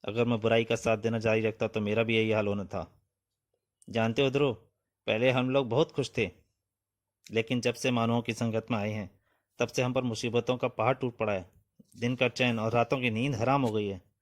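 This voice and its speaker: A male narrator gives voice to an aging yeti king, proud yet remorseful. His speech is grave and solemn, pitched in an ordinary middle register, and the storybook telling stays plain. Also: steady tone, moderate pace, long pauses, lightly acted.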